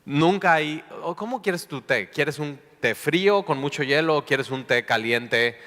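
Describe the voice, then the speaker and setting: Mexican guy preaching, bright punchy voice, jokey, acts out little chats, big church echo. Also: on the high side, animated, a little slow. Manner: playful, acts out little everyday dialogues. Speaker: pastor. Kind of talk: sermon.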